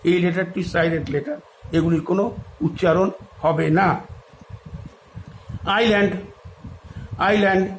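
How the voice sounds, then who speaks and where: A man teaches English spelling. He spells each word out letter by letter and then repeats it in a steady classroom manner. A faint hiss and a few clicks sit behind the voice. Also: high voice, rough recording. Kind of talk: spoken English lesson in Bengali.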